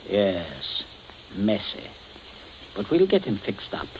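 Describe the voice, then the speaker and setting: A man's voice: fairly low pitch, wildly swooping pitch, slow pace, heavily acted. A suave, menacing father. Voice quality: suave, coldly jovial. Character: scheming, menacing middle-aged father with gun. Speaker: radio drama actor. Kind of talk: 1940s radio acting. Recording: dull old radio recording, faint hiss.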